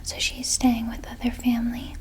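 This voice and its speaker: A woman doing a whispered role-play as a gentle, nurturing flower fairy, in a soft breathy whisper with a soothing, unhurried manner. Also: on the high side, completely flat delivery.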